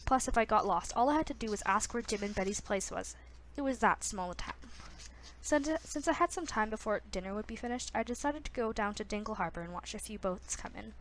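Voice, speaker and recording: A woman's voice: mid-range voice, animated, fairly quick, slight background noise. A woman casually reading a novel aloud, stumbling, restarting and breaking off with self-conscious asides. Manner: frequent restarts. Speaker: reader.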